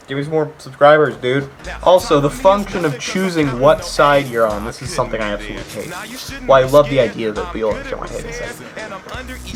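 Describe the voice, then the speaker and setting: A young man giving a casual, comedic video game review, sarcastic and jokey, ranting with mock outrage. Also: on the high side.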